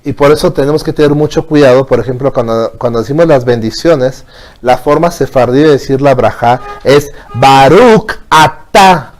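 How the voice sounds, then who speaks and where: A man gives a religious lesson in a patient, explaining way. He keeps checking in with his listeners as he goes. His voice sits at an ordinary middle pitch for a man. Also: brisk, darkish tone. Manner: explains patiently, asks "¿bien?" often. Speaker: teacher. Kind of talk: religious teaching.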